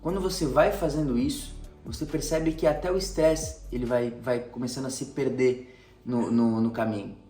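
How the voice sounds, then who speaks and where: A man's voice: medium pitch, normal speed, dark tone. Man coaching sales, echoey room. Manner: didactic, lists numbered tips with everyday examples. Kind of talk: spoken sales tips to camera. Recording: roomy echo, distant mic, faint music.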